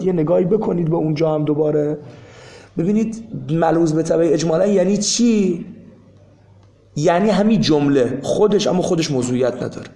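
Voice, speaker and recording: A man with a fairly high voice leads a seminary class discussion, pressing his explanation and repeating himself to drive points home. The room around him is roomy and echoing. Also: creaky, warm tone. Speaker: teacher.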